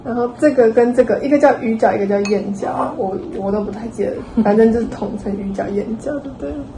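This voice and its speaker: A young woman from Taiwan chatting casually in her vlog, playful and quick to giggle. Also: fairly high pitch, roomy sound, background noise. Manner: playful, giggly, switches between languages. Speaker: vlogger.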